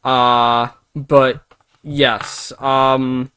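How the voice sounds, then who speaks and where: A man's voice: medium pitch, flat delivery, extremely slow, bright, forceful tone, smooth. A man co-hosting a podcast in casual chat, rambling with fillers and restarts, with a slight lisp. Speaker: podcast co-host.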